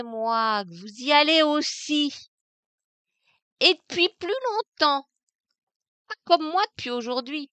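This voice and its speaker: A woman's voice: a little high, clean tone, no echo, pitched above the performer's own voice. A woman voicing an insolent, mocking young chambermaid in a dry-sounding audiobook reading. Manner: brash, taunting, loud.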